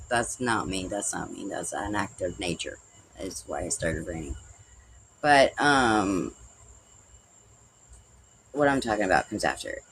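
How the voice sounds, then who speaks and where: A man's voice: fairly low pitch, background noise. A man hosting a livestream, telling a personal story in a rambling, profane way full of "like" and "you know". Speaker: livestream host.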